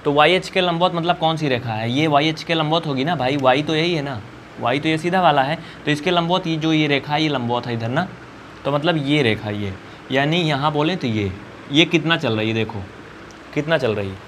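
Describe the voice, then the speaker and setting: A man's voice: fairly high pitch, a little fast, a bit bright, a little hiss or hum. A male math teacher from India explaining coordinates at a whiteboard in a colloquial, coaxing way, asking questions and answering them himself.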